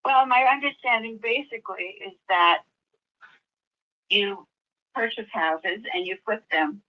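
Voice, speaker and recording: An older woman selling her house over the phone, answering plainly and slowly and often asking the caller to repeat himself. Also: mid-range voice. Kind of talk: phone conversation. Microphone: phone call. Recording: dull lo-fi phone line.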